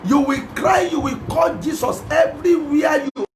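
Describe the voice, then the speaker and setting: A Nigerian man preaching a sermon as pastor, fervently chanting repeated prayer lines and often breaking into shouts. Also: very high voice, steady tone, moderate pace. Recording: echoey room with background noise.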